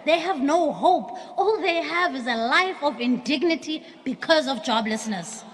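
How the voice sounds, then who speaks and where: A South African woman in her thirties delivering a forceful speech at the podium of a large parliamentary chamber, slipping into isiXhosa. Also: sits high. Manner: forceful oratory, switching into isiXhosa. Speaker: opposition chief whip. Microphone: podium microphone. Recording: broadcast feed with long hall reverb.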